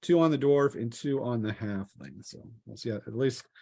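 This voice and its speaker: At home on an online group call, a man acts as game master for a tabletop role-playing game, casually narrating combat and explaining rules. His mid-range voice is mellow with some vocal fry, moving at a moderate pace, picked up by a close mic on the internet call.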